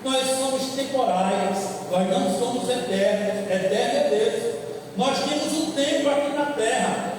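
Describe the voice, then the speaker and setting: A man in his fifties from Brazil, a pastor preaching a sermon slowly and repeating his points. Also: very high voice, a little hiss or hum. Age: 50s. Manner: slow, repetitive preaching with scripture reading. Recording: echoey hall from far off.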